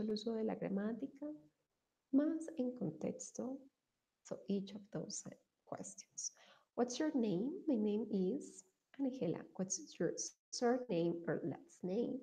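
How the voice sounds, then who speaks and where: Woman, English teacher, thirties, gravelly, very mellow, measured examples. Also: mid-range voice. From Colombia. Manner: switches between English and Spanish, slow modelled example answers. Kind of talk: bilingual online language lesson.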